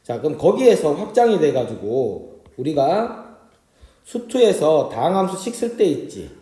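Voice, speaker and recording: A man teaches an exam math problem in a slightly high, lively voice that rises and falls a lot. He draws at the board as he talks and keeps checking in with his students through quick tag questions. The sound is roomy, with a noticeable echo from the classroom. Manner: talks while drawing graphs on a board. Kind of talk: exam problem walkthrough lecture.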